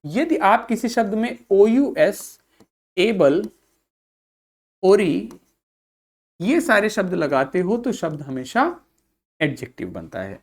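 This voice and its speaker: A patient woman teacher explains word meanings to school children and goes over each point several times. Her pitch rises and falls a great deal from phrase to phrase. She spells suffixes out letter by letter. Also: big pitch swings, slow, long pauses, a little mellow. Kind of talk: online vocabulary class for school children.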